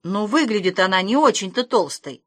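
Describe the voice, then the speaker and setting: A small, determined male gnome from a storybook, brisk and commanding, a touch higher than the reader's own voice, as a woman puts him on. The sound is close and dry. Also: lively intonation, dry recording, lightly acted. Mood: insistent.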